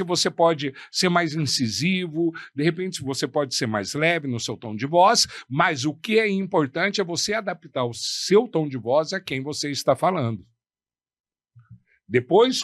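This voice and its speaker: A male professor teaching a class, his pitch rising and falling with animated energy. He speaks in a slightly high voice and keeps throwing rhetorical questions to the room. The sound is close and dry. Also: no echo. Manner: didactic, asks the audience rhetorical questions; uses his hands a lot while talking. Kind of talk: lecture on negotiation.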